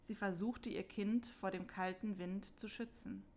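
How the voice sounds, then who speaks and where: Woman, storyteller, scripted children's story narration, calm, clear, very slow pace, mid pitch.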